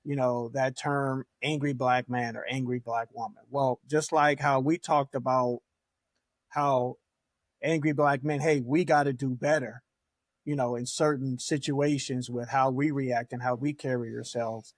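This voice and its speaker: A man's voice: mid-range voice, steady tone, a little slow, no echo, clean studio sound. A man co-hosting a podcast, laid-back and preachy, urging listeners to look at themselves. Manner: laid-back, preachy call to self-reflection. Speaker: podcast co-host. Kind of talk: casual talk-show conversation.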